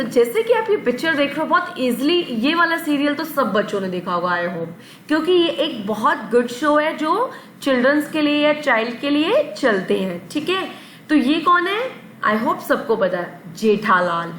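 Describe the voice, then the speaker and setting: A woman's voice: sits high, big pitch swings, unhurried, a bit bright, echoey room, slight background noise. A woman teaching words to children, asking questions and answering them herself. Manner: repeats questions and answers, coaxing. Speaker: English teacher. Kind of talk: vocabulary lesson for children.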